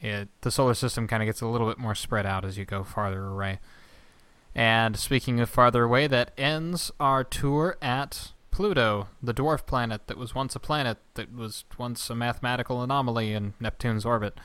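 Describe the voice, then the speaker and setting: A man's voice: medium pitch, normal speed, a bit bright, smooth, no echo. A man co-hosting a casual podcast, explaining astronomy in a chatty, rambling way with asides. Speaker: podcast co-host. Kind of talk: casual chat.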